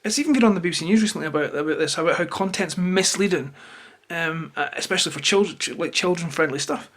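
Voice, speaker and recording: This fairly high, fairly bright male voice moves at a quick pace. It belongs to a Scottish YouTuber, an adult with a toddler, who rambles through an annoyed, opinionated, swear-heavy rant straight to a camera held or placed nearby.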